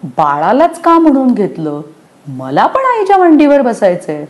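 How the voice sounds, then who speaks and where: A woman's voice: fairly high pitch, huge pitch swings, measured pace, voice pushed up. A woman doing a whiny, jealous little girl. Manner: whining, shouting.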